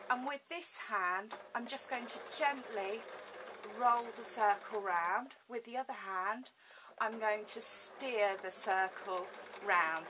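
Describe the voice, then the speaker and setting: A woman hosting a casual hands-on sewing tutorial, thinking aloud as she works, with toothless articulation, lips over her teeth. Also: medium pitch. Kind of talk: casual hands-on craft demonstration. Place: indoors at a home sewing table. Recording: hissy home recording.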